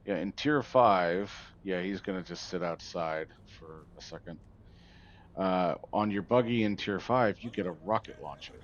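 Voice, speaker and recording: Rambling male streamer, low voice. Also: normal speed, lo-fi sound. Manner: rambling, easily sidetracked, chatty with a viewer. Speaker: gaming streamer. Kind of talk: casual livestream chat.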